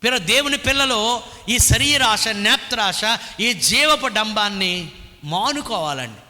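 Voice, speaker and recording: A pastor preaching a sermon, asking the congregation rhetorical questions and half-singing hymn lines. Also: male voice, sits high, animated, measured pace, bright, forceful tone. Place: church hall. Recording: reverberant church hall.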